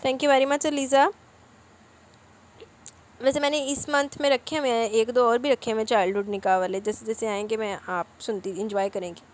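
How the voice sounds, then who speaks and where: High-voiced woman reading viewer comments. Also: steady tone, moderate pace. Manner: reads viewer comments aloud and answers each one. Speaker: novel-reading channel host. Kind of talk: casual comment-reading chat.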